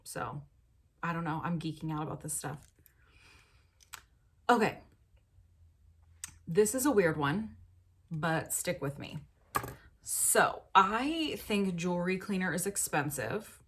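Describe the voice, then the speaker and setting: Chatty husky-voiced woman vlogger. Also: on the low side, lively intonation, takes it slowly, pauses often, a bit bright. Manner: chatty, rambling, self-deprecating, fillers like "like". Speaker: lifestyle vlogger. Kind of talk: casual chatty tips vlog.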